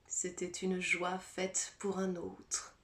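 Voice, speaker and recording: A woman, a mezzo-soprano, reciting a poem softly and deliberately, at times dropping to a breathy whisper. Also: on the low side, completely flat delivery. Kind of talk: slow poetry recitation, partly whispered. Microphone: phone.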